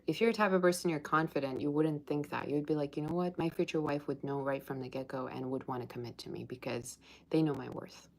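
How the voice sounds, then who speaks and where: Her low, steady voice races along with hardly any pauses as this Russian tarot reader teases, chats, and reads viewer comments on her livestream, now and then singing bits of old songs. The audio is poor, with a little hiss or hum.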